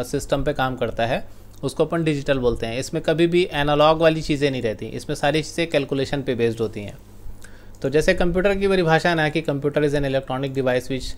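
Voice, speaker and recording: Hindi computer teacher, fairly high voice. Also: male voice. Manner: explains slowly, asks students questions. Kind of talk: online class lecture.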